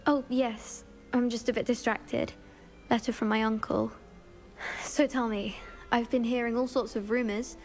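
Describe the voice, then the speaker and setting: A woman's voice: on the high side, fairly even intonation, a little slow, soft background music. A woman voicing a kind, polite young witch student in a video game. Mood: friendly, polite. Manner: polite, gentle.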